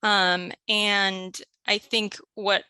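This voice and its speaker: A woman's voice: medium pitch, level tone, drawn-out words, bright, forceful tone, smooth, no room sound. A woman in her thirties, a university staff member speaking casually on a panel with many "um" and "like" fillers. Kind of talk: panel talk about her career.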